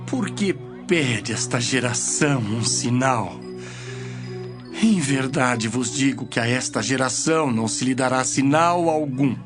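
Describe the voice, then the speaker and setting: A man playing Jesus as a grave, deliberate teacher in a dramatized audio Bible. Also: medium pitch, lively intonation, lightly acted. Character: Jesus, solemn adult male teacher, grave and reproving. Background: music.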